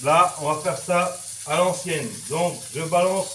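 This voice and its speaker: In an echoey kitchen thick with the noise of frying, a man from France gives a relaxed cooking lesson. His voice sits fairly high and unhurried, full of chatty tics like "hein" and "voilà" plus playful sound effects, all over heavy background noise.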